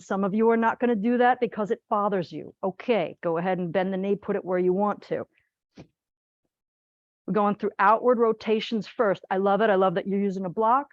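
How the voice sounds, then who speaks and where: A woman teaching a live group exercise class in a lively, chatty, joking and direct way. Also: mid-range voice, dry recording, dull audio. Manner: direct, plain-spoken coaching. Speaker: posture exercise instructor.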